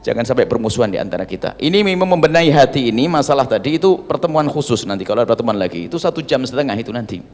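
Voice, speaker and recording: A male preacher giving a sermon, animated, switching between loud emphatic lines and soft, quiet asides. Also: medium pitch, rapid-fire, few pauses. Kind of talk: religious sermon. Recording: long hall reverb.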